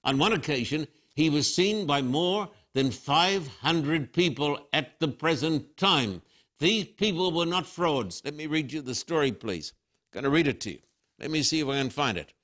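An older man preaching a sermon as pastor, telling the story with animated storytelling and acted-out quotes. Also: a little high, moderate pace.

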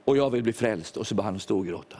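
A man's voice: fairly low pitch, lively intonation, warm tone, slightly rough. Older man preaching a sermon. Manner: storytelling, acts out quoted voices. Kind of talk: sermon testimony.

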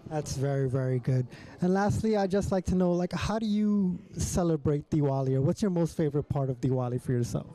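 A man's voice: fairly high pitch, a little fast, few pauses, mellow, rough recording. A man hosting on-site interviews and asking questions in a friendly, upbeat way. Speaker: host.

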